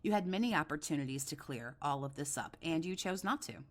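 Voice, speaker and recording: A woman delivers reaction commentary in a slightly low voice. She is blunt and sarcastic, scolding her subject and swearing freely as she makes her case. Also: animated, fairly quick.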